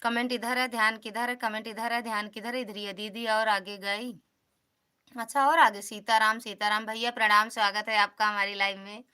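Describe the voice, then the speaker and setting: This Awadhi-accented streamer from Uttar Pradesh, India, keeps things chatty, naming commenters as she greets them and calling on viewers to support each other and return. Her fairly high voice holds a steady tone at normal speed, sharp but smooth.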